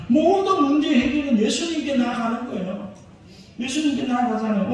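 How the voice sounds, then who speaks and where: A man's voice: high voice, darkish tone. A male pastor preaching a sermon, pressing the congregation with rhetorical questions. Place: church sanctuary. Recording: very echoey church hall, voice far from mic.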